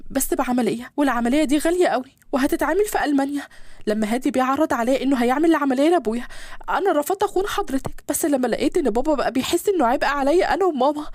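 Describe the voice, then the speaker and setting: A woman with an Egyptian accent voicing a humble young maid who pleads earnestly in a high voice in a storybook reading. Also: darkish tone, no room sound, clean studio sound, lightly acted. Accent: Egyptian Arabic.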